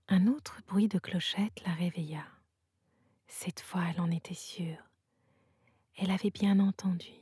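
A woman narrating a bedtime story in a hushed, unhurried whisper, a whispered role-play. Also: on the low side, breathy edge, dry recording, clean studio sound.

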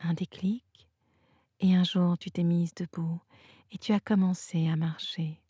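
A woman voicing a gentle, wise female unicorn in a whispered role-play, soft and teasing in tone. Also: fairly low pitch, fairly even intonation, measured pace, husky, no echo, clean studio sound. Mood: reassuring.

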